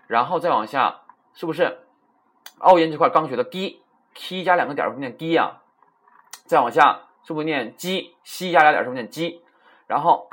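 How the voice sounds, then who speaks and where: A man's voice: medium pitch, a bit bright, husky. A man teaching a beginner class, patiently explaining step by step and repeating rhetorical questions. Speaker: Japanese teacher. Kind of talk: classroom lecture.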